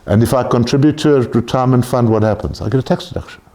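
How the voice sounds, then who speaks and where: A man's voice: medium pitch, fast, darkish tone. A man lecturing a class on tax, blunt and joking, swearing casually.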